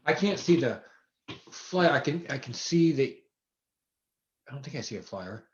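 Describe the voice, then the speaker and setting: A man's voice: medium pitch, animated. Man on a roomy, dull video call. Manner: measured, hesitant explanations with fillers. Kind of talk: casual Zoom conversation. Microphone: computer mic on video call.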